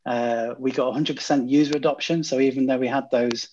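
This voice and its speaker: A man's voice: medium pitch, fairly even intonation, fairly quick, darkish tone. A man guest, a design consultant, telling a project story in a conversational way, with many "uh" fillers and restarts. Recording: dull lo-fi audio.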